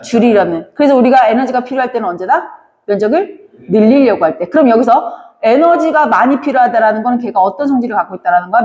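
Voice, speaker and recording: A woman's voice: fairly high pitch, darkish tone, dull audio. A woman teacher giving an online lecture, asking her students questions and answering them herself. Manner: often addresses listeners as kids. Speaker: Korean language teacher. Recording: echoey room with long reverb.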